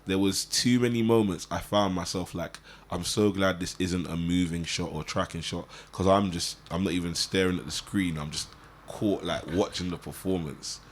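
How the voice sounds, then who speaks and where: A man's voice: low-pitched, normal speed. A young man, a film director, chatting casually and encouragingly with his cast after a shoot. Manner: relaxed, encouraging, joking. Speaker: film director and podcast host. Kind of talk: casual post-shoot chat.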